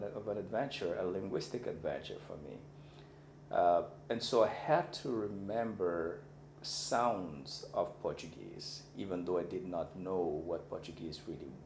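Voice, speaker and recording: Faint background noise and echo fill the room as a deep-voiced, gravelly lecturer delivers a reflective personal talk. He's a university lecturer from Mozambique with Xangana as his first language, sounding a little mellow and thoughtful as he searches for words.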